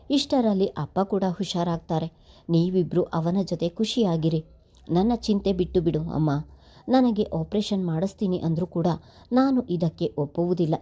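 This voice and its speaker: A woman voicing a gravely ill young man who speaks with sorrowful resignation in a storybook reading. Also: fairly low pitch, mellow.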